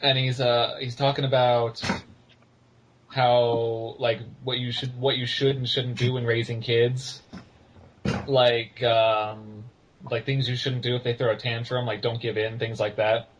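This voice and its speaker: A man's voice: medium pitch, flat delivery, measured pace, slight background noise, poor audio. A teenage boy telling an anecdote in a casual podcast chat, hesitant and full of "like". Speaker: podcast co-host.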